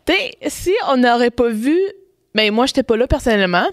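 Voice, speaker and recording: A woman's voice: a little high, animated, moderate pace, no echo, studio quality. A young woman with a Québécois French accent, co-hosting a casual chat, telling her stories hesitantly. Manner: hesitant, many restarts, laughs easily. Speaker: co-host.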